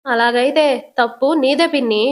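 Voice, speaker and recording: A stern, commanding middle-aged father, as a woman narrator puts him on, voiced a touch higher than her usual pitch. He presses his questions forcefully and refuses to back down, told as a spoken storybook retelling. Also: normal speed, close to an everyday voice.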